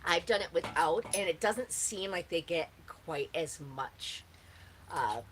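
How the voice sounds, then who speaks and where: A woman's voice: on the low side, animated, takes it slowly. A woman chatting casually and answering questions in a laid-back, stoner-like ramble, recorded outdoors with some background noise. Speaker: host answering gardening questions.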